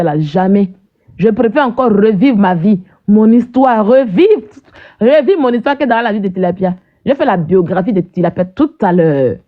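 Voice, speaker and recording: A woman's voice: medium pitch, lo-fi sound. A woman hosting a live stream, ranting at her viewers in a combative, mocking way and often asking "hein?".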